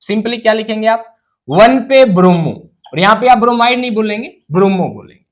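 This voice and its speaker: A man's voice: high-pitched, expressive, a little fast, rough recording. A man teaching chemistry as a lecture. He asks the class questions and then answers them himself, and he drops English terms into his explanations.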